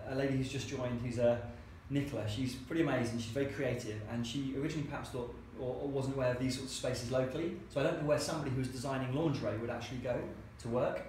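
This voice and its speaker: In a very echoey room with a faint hiss, a co-working space founder tells stories during an interview. His voice is medium in pitch and a little mellow, with a steady tone; he talks fast with few pauses, chatting away and acting out the lines of the people he quotes.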